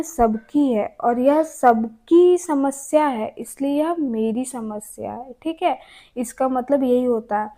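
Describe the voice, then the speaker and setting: Brief: young female tutor, high mellow voice, conversational lecture full of self-answered questions. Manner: chatty, keeps asking and answering her own questions. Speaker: teacher. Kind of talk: casual exam-prep lecture.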